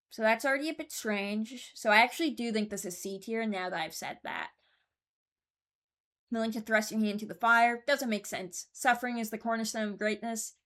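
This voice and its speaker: A woman whose voice is fairly high and fairly bright hosts an informal reaction video where she ranks game voice lines, thinking out loud as she gives her takes.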